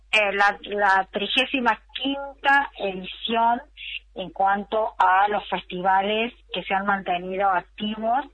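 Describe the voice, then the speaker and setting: A woman's voice: mid-range voice, pushed and bright, rough recording. A middle-aged woman with an Argentine accent, a municipal culture official talking as a guest in an interview, hesitant and full of fillers. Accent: Argentine Spanish.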